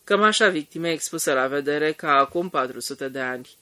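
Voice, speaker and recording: A man voicing a male department head speaking in a grave, hushed undertone in an audiobook. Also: no room sound. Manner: speaks in a low whisper.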